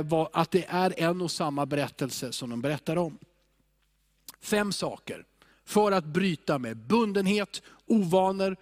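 A man preaching a sermon, earnest, now and then rising to loud cries as he quotes a prayer. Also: high voice.

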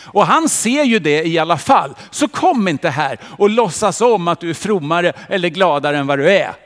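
A man preaching a sermon in a church, lively and direct, with rhetorical questions aimed at the congregation. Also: high-pitched. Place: church hall. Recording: long reverb of a church hall.

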